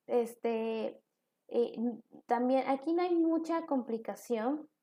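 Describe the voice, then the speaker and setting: Woman, teacher, online class, patient step-by-step explanations, mellow tone. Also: a little high. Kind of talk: recorded online class lecture.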